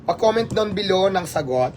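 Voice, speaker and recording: A man's voice: on the high side, noisy background. A man hosting a casual livestream, talking animatedly and rhetorically, mixing in English phrases. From Philippines. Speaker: livestream host.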